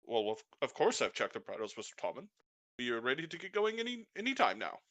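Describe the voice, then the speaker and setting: A man's voice: mid-range voice, huge pitch swings, quick pace, a bit bright, no room sound. Figure: flustered sleepy carriage driver, male acted by a man. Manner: stammering, apologetic.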